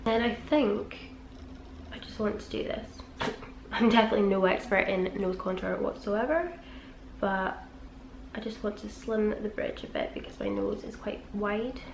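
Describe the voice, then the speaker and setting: In an unhurried, creaky voice of medium pitch, a woman chats her way through a get-ready-with-me makeup routine. She's a beauty vlogger, congested and nasal from a cold, recording in an echoey home room where traffic from the busy street outside is audible.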